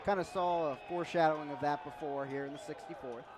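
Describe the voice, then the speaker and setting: A man's voice: fairly high pitch, fairly even intonation, fast talker, a crowd in the background. A man doing live play-by-play soccer commentary as an announcer. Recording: outdoor stadium noise behind. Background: outdoor stadium ambience.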